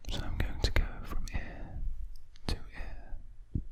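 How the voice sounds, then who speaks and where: A person whispering breathily in ASMR style, very close to the microphone with audible mouth sounds, rambling in an unhurried way. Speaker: ASMR video creator. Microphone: very close to a studio USB microphone.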